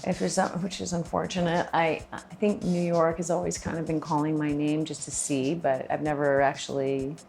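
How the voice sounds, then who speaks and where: A woman with a low voice talks freely as an interview guest. She is candid and chatty and often restarts her sentences. Soft music plays behind her. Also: flat delivery, moderate pace, gravelly, hardly any pauses. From Los Angeles. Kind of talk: casual interview chat.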